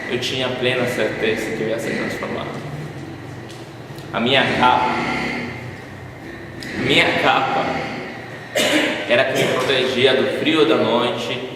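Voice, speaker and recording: A man with a Brazilian accent preaching a sermon as a first-person dramatic monologue. His theatrical storytelling moves from hushed lines to loud pleading cries. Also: medium pitch, background noise. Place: church sanctuary. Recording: echoey church hall, distant mic, faint ambience.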